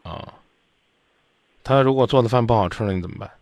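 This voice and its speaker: A man's voice: medium pitch, a little fast, a little mellow, dry recording. A man hosting a radio call-in advice show, blunt and lecturing as he scolds the caller. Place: radio studio.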